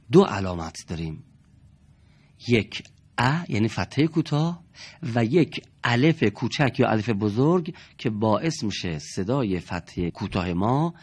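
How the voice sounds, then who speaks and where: Reading teacher, male, low husky voice, lively pitch, slow deliberate demonstrations. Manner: slow, stretched-out demonstration of words. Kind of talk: classroom lesson.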